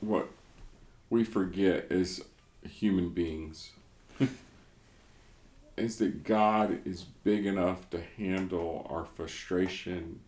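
A man's voice: low voice, fairly even intonation, very slow, pauses often, a little mellow, roomy sound. A man from the United States, a pastor, reflecting in a casual devotional discussion and often searching for words.

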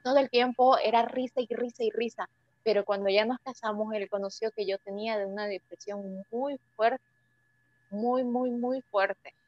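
A young woman giving an emotional personal testimony as an interview guest, halting with many restarts. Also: a little high, steady tone, no echo. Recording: dull lo-fi dry sound.

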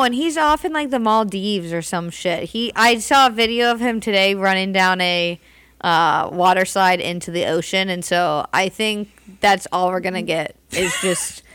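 A young woman co-hosting a casual podcast chat, talking in a brisk, matter-of-fact way and citing stats. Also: mid-range voice, fairly bright tone, clean tone, dry recording. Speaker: podcast co-host.

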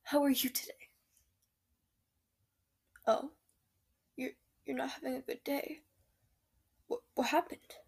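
A woman voicing a doting, protective girlfriend who comforts her sad partner in a soft whisper, in an ASMR roleplay. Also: high-pitched, steady tone, slow pace, creaky, pauses often, exaggerated voice. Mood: tender.

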